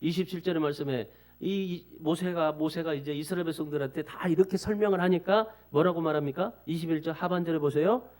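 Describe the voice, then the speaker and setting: A man's voice: fairly high pitch, quick pace, few pauses, a little mellow. A male pastor delivering a Sunday sermon in an earnest, pleading way, repeating phrases and telling stories.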